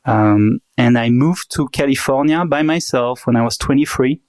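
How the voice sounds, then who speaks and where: A man in his thirties from Paris with a French accent, a guest chatting casually in a relaxed, hesitant way. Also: medium pitch, normal speed, dry recording. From Paris, France. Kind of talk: casual chat.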